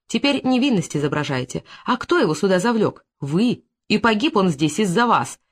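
A reader voicing a young woman who is sharp-tongued and accusing, with a biting, scornful delivery. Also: medium pitch, big pitch swings, normal speed.

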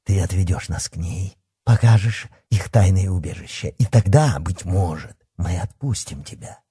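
Guy doing a low gravelly werewolf, growly and threatening, kinda husky. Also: moderate pace, warm tone, no echo, clean studio sound, exaggerated voice. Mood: menacing. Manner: low menacing growl, hisses and purrs. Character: menacing male werewolf, growling and hissing.

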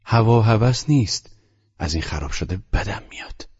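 A man's voice: on the low side, expressive, darkish tone, husky, highs cut off, voice pushed up. A man voicing a fretful, resentful young housemaid in an audiobook, complaining and agitated. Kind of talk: audiobook character reading.

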